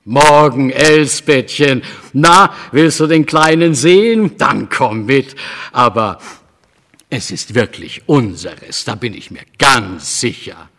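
A man's voice: medium pitch, takes it slowly, fairly bright tone. A man reading a story aloud and voicing a hearty, kindly doctor. The recording has a long hall echo. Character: friendly, jovial doctor.

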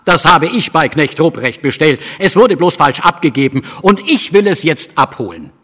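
A man putting on a stubborn little girl with a squeaky, pleading storybook voice, her pitch leaping all over. It rings out with a long hall echo, as a narrator puts her on. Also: very animated, moderate pace, a bit bright. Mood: stubborn insisting. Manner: high, shrill pleading.

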